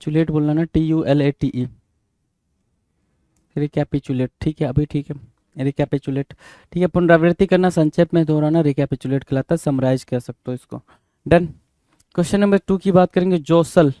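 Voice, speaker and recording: Spelling English words one letter at a time, a man preps students for exams, his voice on the high side and mellow with a clean tone. He moves at a normal speed and keeps asking "bhai?" rhetorically. No room sound is audible.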